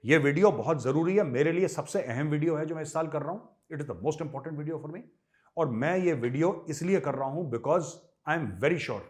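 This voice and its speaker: A middle-aged man from India hosting a political commentary show, talking emphatically and with scorn, full of rhetorical questions. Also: on the high side. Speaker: host.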